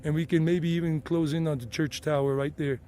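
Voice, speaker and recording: A man's voice: a little high, fairly even intonation, a little fast, dark tone, slight background noise. An American man vlogging outdoors on a hilltop trail, chatty and rambling, talking into a handheld camera. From United States. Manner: chatty and rambling, with frequent restarts. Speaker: vlogger and tour guide. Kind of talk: casual hiking vlog.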